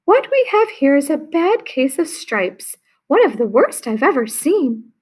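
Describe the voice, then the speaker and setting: A woman reading aloud and voicing a kind, plump old woman who gently helps a sick girl. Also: high voice, very animated, a little slow, voice pushed up. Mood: kindly. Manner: gentle, sweet-natured.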